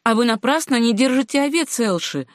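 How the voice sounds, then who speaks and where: A woman's voice: fairly high pitch, animated, fairly quick, lightly acted. A woman voicing a chatty young farmer. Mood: apologetic. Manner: talkative, apologetic, folksy. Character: good-natured young male farmer and hunter, chatty. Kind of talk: audiobook reading.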